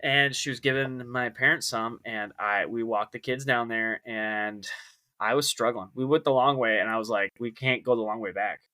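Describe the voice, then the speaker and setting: A man's voice: mid-range voice, moderate pace, bright, forceful tone. A man in his thirties co-hosting a casual podcast, rambling and self-deprecating, often restarting his sentences. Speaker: podcast co-host. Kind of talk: casual chat.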